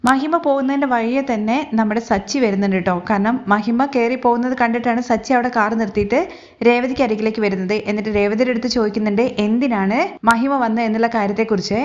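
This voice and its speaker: A woman rattles through a TV serial recap at a breakneck pace, her voice a touch high. She keeps it chatty, tossing in a friendly "you know" as she goes. The sound is dull and lo-fi. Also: fairly even intonation, fast. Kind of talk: casual retelling of a TV serial episode.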